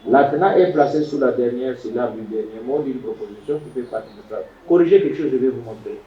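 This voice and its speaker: Speaking at a fairly quick clip in a mid-range voice, this man drills a class on biblical Hebrew grammar, repeating words and firing quiz questions. The recording is lo-fi, dull and distant, with a roomy classroom sound.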